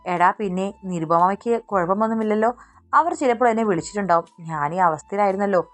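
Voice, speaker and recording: A woman's voice: medium pitch, quick pace, faint music behind, lightly acted. A woman reading a worried tender young man.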